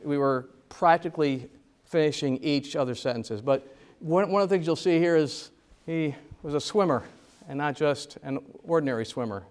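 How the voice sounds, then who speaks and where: A man introducing the next speaker at a business event, halting and warm in his praise. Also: on the high side. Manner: halting, many fillers and restarts.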